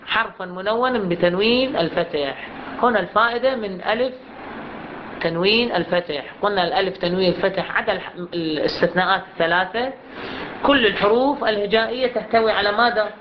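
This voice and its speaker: A recitation teacher leads a classroom lesson, putting questions to the students and drawing example words out slowly so each sound can be heard. The voice sits at an ordinary middle pitch. The recording is dull and lo-fi, with steady background noise running underneath. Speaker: teacher of Quran recitation rules.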